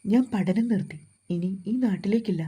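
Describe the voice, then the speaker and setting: Woman doing a cold curt young man, dismissive, dark husky voice, storybook. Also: mid-range voice, moderate pace, natural voice.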